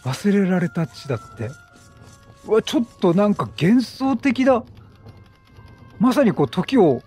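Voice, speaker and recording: Over game music, a higher-voiced gaming YouTuber with a husky edge gives chatty let's play commentary. He's animated and talkative, exclaiming and answering back to the game.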